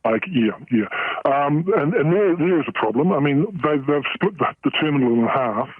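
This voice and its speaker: A middle-aged man, a port worker in a radio news interview, his voice disguised to hide his identity, speaking haltingly with many fillers and restarts. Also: a little high, lively intonation, dry recording. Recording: tinny phone-like line.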